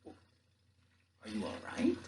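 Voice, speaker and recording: A man voicing an amazed American sailor who calls out loudly in surprise. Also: drawn-out words, reverberant. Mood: calling.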